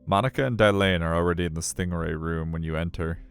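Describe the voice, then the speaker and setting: This man streams himself reading a visual novel aloud, giving it storytelling narration along with casual asides over background music. He talks fast in a low, creaky voice with a clean tone.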